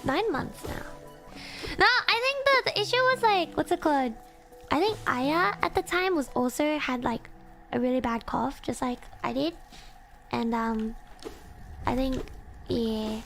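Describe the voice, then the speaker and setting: Young female streamer, cute and girlish, high voice, relaxed livestream chat over music. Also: measured pace, long pauses. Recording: music playing behind the voice.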